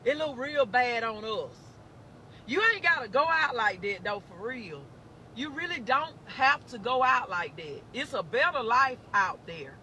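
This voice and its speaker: A man with a very high, sharp, piercing voice rants in a played clip. He is emphatic and slangy and scolds his listener directly. A faint hum of noise sits behind him. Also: expressive, measured pace. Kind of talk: preachy street-talk rant.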